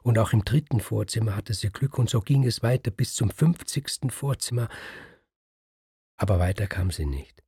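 A man reads a fairy-tale style story aloud in a calm, measured way. His voice is low, mellow and very husky. The recording is dry and close. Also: no room sound. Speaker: narrator. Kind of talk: storybook reading.

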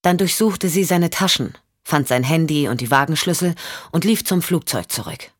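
A woman narrating a thriller audiobook in steady, measured storytelling. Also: low-pitched, no room sound, studio quality.

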